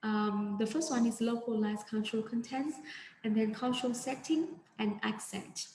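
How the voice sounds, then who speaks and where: A woman from Vietnam, a native Vietnamese speaker, presents at an academic conference over slides on a video call. Her voice is on the high side and darkish, with fairly even intonation and normal speed, and she speaks hesitantly with many fillers and restarts. The room is echoey with faint ambient noise.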